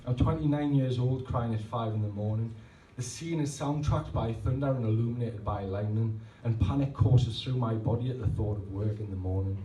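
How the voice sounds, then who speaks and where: A man in his 30s reads rhymed spoken-word poems in a pub function room at a poetry night, his rhythmic delivery broken up by rambling, self-deprecating chatter. His voice is medium-pitched and dark, at a moderate pace with few pauses. The live recording sounds roomy and distant, with faint ambience and slight background noise.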